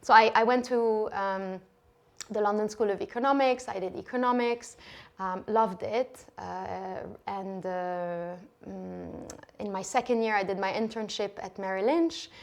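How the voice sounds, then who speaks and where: A woman in her thirties from Lebanon, a shoe designer talking softly in a relaxed interview, with many fillers and restarts. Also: medium pitch, a little slow, gravelly.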